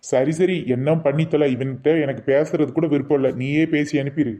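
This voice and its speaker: A man's voice: fairly high pitch, steady tone, brisk, dark tone. A man acting as a bossy coconut seller in a comedy skit, scolding and blustering. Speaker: comic actor playing a coconut seller.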